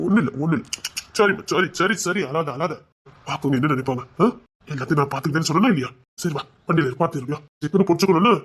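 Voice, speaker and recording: An actor playing a caring father who soothes and coaxes his crying daughter in a TV serial, repeating himself gently. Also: a little high, rapid-fire, slight background noise, close to an everyday voice. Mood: soothing. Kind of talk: TV serial drama.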